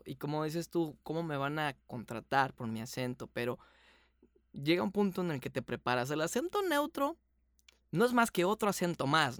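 A man with a Sonoran Mexican Spanish accent, a voice actor and production manager, appears as a guest on a casual podcast interview, earnestly and gratefully explaining things at length. His voice is fairly high and fairly bright, clear and resonant, captured in a dry, studio-quality recording.

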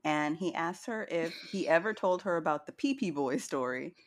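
Woman with a real low voice, laid back podcast recap, laughs a lot, cracks jokes. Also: animated, moderate pace. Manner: laughing, chatty recapping with playful asides. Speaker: podcast co-host recapping a reality show. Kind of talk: casual chat.

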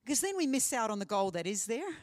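A woman's voice: on the high side, big pitch swings, fast talker. A woman speaker answering questions in a live teaching session, earnest and conversational with frequent fillers. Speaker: conference speaker. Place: conference hall.

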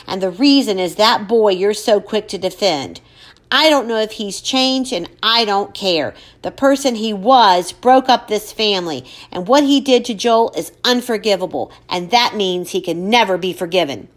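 A woman's voice: mid-range voice, animated, moderate pace, natural voice. A woman voicing a stern, angry middle-aged mother who scolds her daughter sharply. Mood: scolding.

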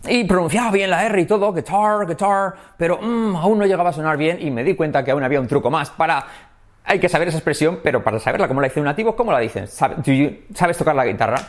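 A man from Spain teaching English in a casual video lesson, lively and switching between languages with slowed, exaggerated examples. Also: a little high. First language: Spanish.

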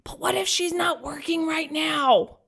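Awkward doughy coworker in his late thirties, stammering and pleading, pitched higher than the narration, as a woman reader puts him on. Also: sing-song, normal speed, lightly acted.

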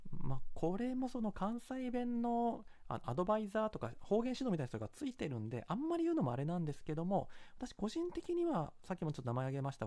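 A host from Kansai talks through a film review in a casual, analytical way, often hedging and wandering into asides. The pitch moves a lot and the pace is quick. The recording is dry and close. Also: dark tone, no room sound. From Kansai, Japan. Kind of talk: casual solo commentary.

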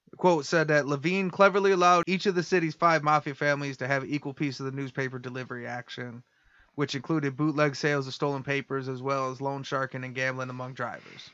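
Bright-voiced man telling a crime story. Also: mid-range voice, no room sound, lo-fi sound. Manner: storytelling, reads quotes, laughs along. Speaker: podcast host. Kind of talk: casual chat, reading out a story.

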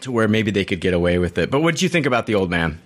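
A man hosting a casual podcast, relaxed as he asks the panel questions and moderates. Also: fairly low pitch, very fast. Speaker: podcast host.

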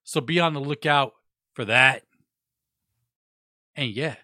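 This young podcast host speaks slowly in a medium pitch over a dry, clean studio recording. His nose is stuffed up as he runs his laid-back hip hop show, full of slang, profanity, and shout-outs.

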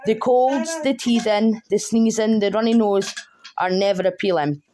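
A woman reading poems aloud as a guest in a steady, rhythmic way with a wry edge. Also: medium pitch, moderate pace, a little hiss or hum. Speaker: guest poet. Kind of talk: reading her own poem aloud.

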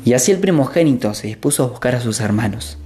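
Expressive storyteller, lively pitch. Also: fast, faint music behind. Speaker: narrator. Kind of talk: storybook reading.

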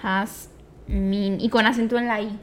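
A young woman with a Venezuelan Spanish accent, co-hosting a casual chat over a word game, easygoing and quick to laugh. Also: fairly high pitch, fairly bright tone. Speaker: co-host. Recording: echoey room, faint noise.

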